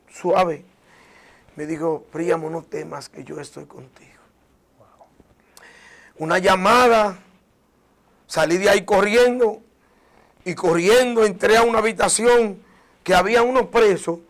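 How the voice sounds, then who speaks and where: High-voiced man giving an earnest testimony. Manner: earnest and emotional, with many restarts and soft drops in volume. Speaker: guest sharing a testimony. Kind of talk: personal faith testimony.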